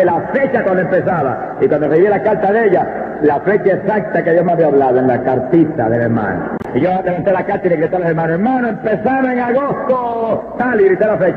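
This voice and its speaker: A man preaching a fervent Pentecostal sermon, swinging between slow drawn-out emphasis and quick bursts. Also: high voice, a little hiss or hum. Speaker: evangelist preacher. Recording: tinny lo-fi recording in a reverberant hall.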